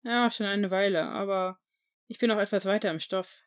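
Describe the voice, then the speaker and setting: A woman's voice: medium pitch, fairly even intonation, normal speed, close to an everyday voice. A woman voicing an easygoing teenage boy wizard in an audiobook, cheerful and reassuring.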